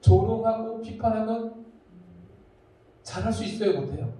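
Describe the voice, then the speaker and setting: Lively high-voiced man preaching in an echoey church. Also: a little slow. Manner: lively storytelling, acts out quoted voices. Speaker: children's pastor. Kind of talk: children's sermon. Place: church hall. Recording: echoey church hall, mic from far off.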